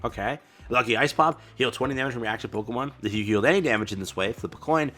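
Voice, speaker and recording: A man hosting a card-game channel, giving an excited, casual reaction commentary full of exclamations and slang like bro and dude. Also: mid-range voice, fast talker, soft background music. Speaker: card game content creator.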